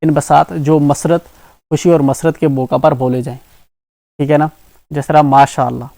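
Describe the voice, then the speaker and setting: A man with a Kashmiri accent teaches an exam-prep grammar lesson, explaining each term through examples and repeatedly checking in with "ठीक है ना". His voice is a little high and dark-toned, with vocal fry and a level tone at a moderate pace, recorded with no room sound.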